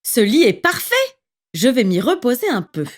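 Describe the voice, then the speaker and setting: A woman's voice: high voice, sing-song, unhurried, pitched above the performer's own voice. A woman voicing a mischievous little girl who complains fussily. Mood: fussy. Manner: fussy, whiny complaints.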